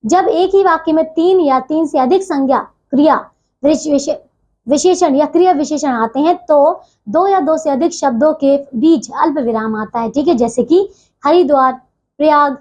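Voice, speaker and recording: Young female teacher, high voice, patient, keeps checking kids follow, classroom explainer. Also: normal speed, darkish tone. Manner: patient, repeats "theek hai bachchon" constantly. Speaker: school Hindi teacher. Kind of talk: online grammar lesson for children.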